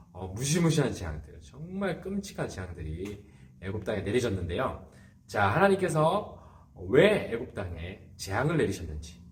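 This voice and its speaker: A man, a pastor, giving a children's sermon, asking the kids questions and telling the story dramatically. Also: mid-range voice.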